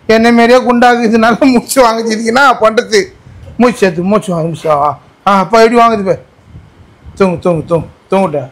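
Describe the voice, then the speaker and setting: A man in a comedy skit, teasing and scolding with quick repeated commands. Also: high-pitched, fairly bright tone. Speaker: comedy video creator.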